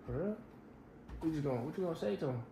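A man vlogger in casual chat, talking in a slangy, low-key way. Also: animated, fast, gravelly. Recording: roomy echo with loud background noise.

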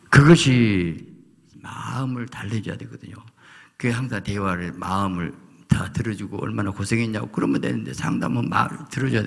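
A middle-aged male pastor preaching a sermon, swinging from loud calls to hushed near-whispers. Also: lowish voice, vocal fry, breathy edge. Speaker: senior pastor. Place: church sanctuary. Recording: long church hall reverb.

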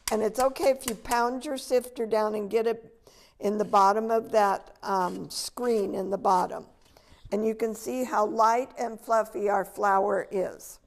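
A woman's voice: medium pitch, gravelly. An older woman giving a patient, step-by-step cooking demonstration in a large demo kitchen, filmed from a distance. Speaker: extension educator.

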